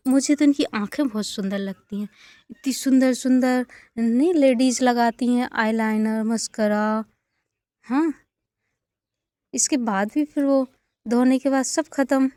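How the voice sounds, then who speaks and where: A woman's voice: sits high, a little mellow, dry recording. A young woman, chatting casually in a village vlog and coaxing calves playfully while she feeds them outdoors. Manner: playful, coaxing talk to calves, laughs often. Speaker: village vlogger. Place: outdoors at a village cattle shed.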